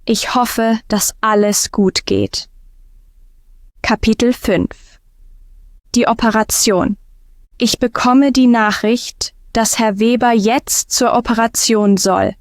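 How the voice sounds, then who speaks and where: A woman narrating a scripted first-person story for language learners in calm, simple short sentences. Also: fairly high pitch, takes it slowly, no echo, clean studio sound.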